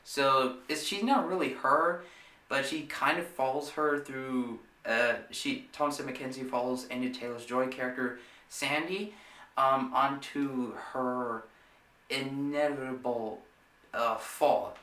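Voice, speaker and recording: A man's voice: mid-range voice, takes it slowly, sharp tone, distant mic. A man hosting a casual movie review vlog, talking eagerly and rambling with many fillers and restarts. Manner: eager, enthusiastic. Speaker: movie reviewer, channel host. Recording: roomy, away from the mic.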